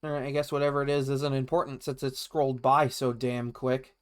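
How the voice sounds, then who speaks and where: Smooth-voiced man casually commenting on a game. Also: mid-range voice, little pitch movement, brisk. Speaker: live streamer playing a horror game. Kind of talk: casual game commentary, muttering to himself and reading on-screen text.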